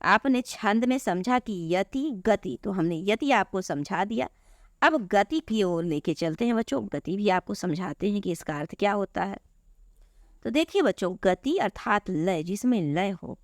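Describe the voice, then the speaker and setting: Woman teacher, patient repetitive lesson, mid-pitched voice, dry close recording. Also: no room sound. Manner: patient, repetitive explaining, addressing students as children. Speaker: Hindi teacher. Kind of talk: classroom lesson explaining grammar.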